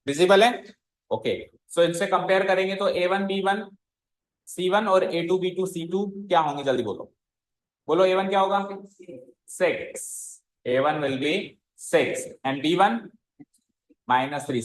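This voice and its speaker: A male maths teacher with a high voice lectures his class step by step, often checking whether the students are following along. The audio is poor and the room sounds roomy.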